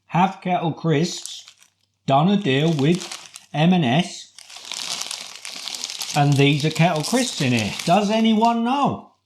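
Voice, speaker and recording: A man with a British accent giving a casual product review in a chatty, deliberate way, often posing rhetorical questions. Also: a little high, expressive, noisy background. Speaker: food review vlogger.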